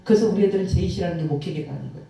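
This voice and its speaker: Dark-voiced woman preaching in echoing church. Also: on the low side, rapid-fire. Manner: animated storytelling, acting out quotes, sighing. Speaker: guest preacher. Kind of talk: emotional testimony sermon. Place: church sanctuary. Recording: echoey hall from far off.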